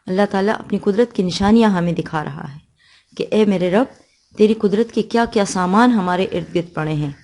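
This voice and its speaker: A woman's voice: mid-range voice, mellow. A woman teacher from Pakistan with a Pakistani accent, reciting verses of a poem and explaining them line by line in a school lesson.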